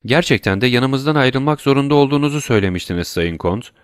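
A man's voice: medium pitch, animated, fast talker, smooth, no room sound, studio quality, voice pushed up, close to an everyday voice. A man voicing a poised noble lady in a storybook. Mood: courteous. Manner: polite, probing questions. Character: poised noble woman, a prosecutor's wife.

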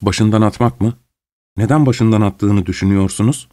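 A man voicing an anxious, hot-tempered middle-aged gentleman who speaks loudly and urgently. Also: fairly low pitch, moderate pace, close to an everyday voice. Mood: heated.

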